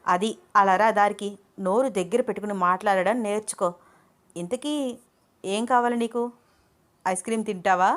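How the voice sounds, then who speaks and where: A woman's voice: medium pitch, steady tone, normal speed, pauses often, fairly bright tone, close to an everyday voice. A woman voicing a confident young man who teases and bosses a younger student. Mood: teasing. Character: confident young male teacher, teasing.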